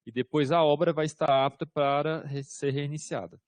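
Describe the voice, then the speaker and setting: A man's voice: a little high, steady tone, moderate pace, no echo. Casual Brazilian man, dry close mic. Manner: informal, repeats "tá?" and hesitant fillers. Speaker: government systems instructor. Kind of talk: online workshop Q&A explanation.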